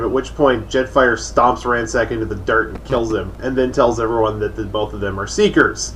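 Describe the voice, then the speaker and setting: A man's voice: medium pitch, distant mic. A young man giving an enthusiastic, casual toy review, chatty with fillers, recorded at home.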